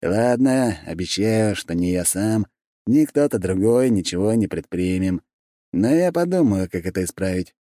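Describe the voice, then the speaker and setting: Joking brother type, a man reading, teasing delivery, lively pitch. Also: moderate pace, no room sound, studio quality, natural voice. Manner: teasing, playful.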